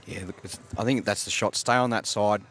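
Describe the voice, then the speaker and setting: A man doing relaxed, conversational live commentary on a sports broadcast. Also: fairly low pitch, brisk.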